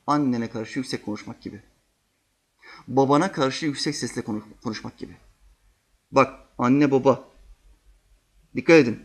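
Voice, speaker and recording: A man giving a religious sermon, telling vivid stories and acting out quotes, swinging between loud and hushed. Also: on the high side. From Turkey. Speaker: preacher.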